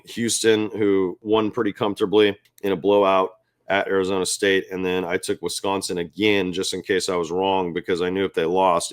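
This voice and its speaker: Guy doing betting picks to camera, low-ish voice, loose and chatty, keeps saying guys. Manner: chatty, loose and self-amused, talks straight to viewers as "guys". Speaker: sports betting picks host. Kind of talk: casual talk to camera.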